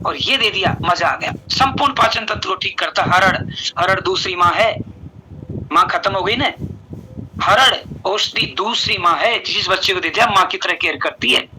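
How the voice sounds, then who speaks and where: A man with a high, very bright and cutting voice gives an animated, folksy sales talk to an audience. He keeps asking rhetorical questions and slipping into little acted exchanges. He sounds persuasive and homespun. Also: slight background noise, low-quality recording. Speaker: herbal product presenter.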